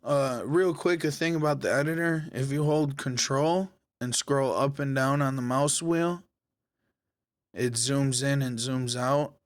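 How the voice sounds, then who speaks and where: A man's voice: mid-range voice, measured pace, no room sound. Casual man with a dry close mic. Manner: casual, conversational, talks to viewers as guys. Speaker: tech tutorial host. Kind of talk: screen-recorded software tutorial.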